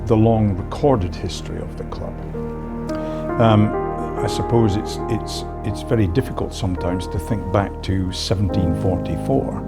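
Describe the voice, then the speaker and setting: A man speaks in measured, halting phrases and restarts himself often. His voice sits low. Loud music plays beneath him. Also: very animated, gravelly. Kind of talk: interview answers.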